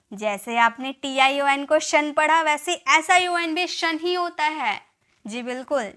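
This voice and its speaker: Bright, high-pitched woman teaching. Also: smooth. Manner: spells words letter by letter and repeats them, with frequent check-ins; addresses viewers directly. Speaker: English teacher. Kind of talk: classroom-style spelling lesson.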